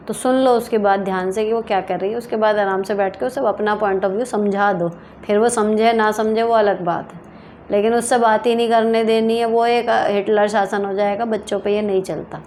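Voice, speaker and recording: A woman's voice: mid-range voice, darkish tone, slight background noise. A woman hosting a casual advice talk, reading viewer questions aloud and answering them in a frank, direct way. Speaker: advice show host.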